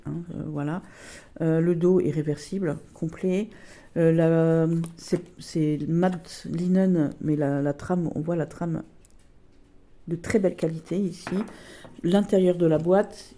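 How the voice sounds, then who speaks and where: A woman with a low, very dark and mellow voice, talking casually to her viewers as she shows off her collection. She rambles warmly, gushes with enthusiasm and keeps dropping little fillers between thoughts. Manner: chatty, fills pauses with repeated "voilà" and "euh"; gushing and enthusiastic about her items. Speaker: tarot collector and video creator. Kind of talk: casual show-and-tell vlog.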